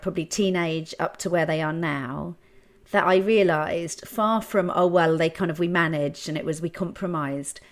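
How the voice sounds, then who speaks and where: A middle-aged woman with a British accent, hosting a conversational interview in an earnest, reassuring way. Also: fairly low pitch. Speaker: podcast host.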